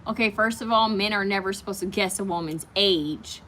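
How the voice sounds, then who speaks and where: A woman's voice: mid-range voice, brisk, sharp tone. A woman in her thirties chatting casually on a livestream, reading viewer comments aloud and drawing oracle card messages, often restarting her sentences. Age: 30s.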